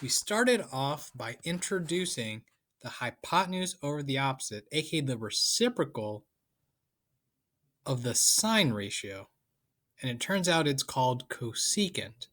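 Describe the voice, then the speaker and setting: A man's voice: medium pitch, sing-song, a little slow, fairly bright tone. A man teaching a math lesson in a casual, playful way with joking asides. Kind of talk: casual lecture.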